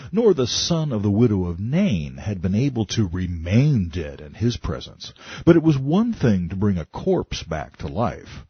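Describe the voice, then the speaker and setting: A man's voice: on the low side, husky, no room sound, dull audio. A man narrating a nonfiction book in a wry, conversational way, asking rhetorical questions. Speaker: audiobook narrator.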